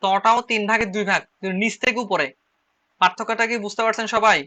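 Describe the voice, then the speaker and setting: A fast-talking man from Bangladesh, speaking with a Chittagong Bengali accent in a high, very bright voice with fairly even intonation, leads an online shorthand class. He drills each point step by step, saying it over and over so the class keeps up.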